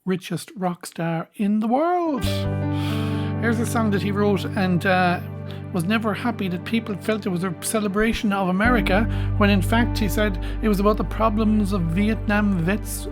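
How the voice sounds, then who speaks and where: A woman's voice: medium pitch, normal speed. A woman hosting a music podcast, chatting casually between songs with frequent ums and restarts.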